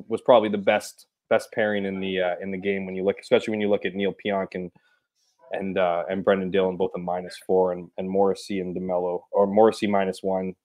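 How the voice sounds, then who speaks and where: A man's voice: low-pitched, a little mellow. A man, chatting casually about hockey on a video call, rambling with many restarts. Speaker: podcast co-host. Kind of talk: casual sports chat.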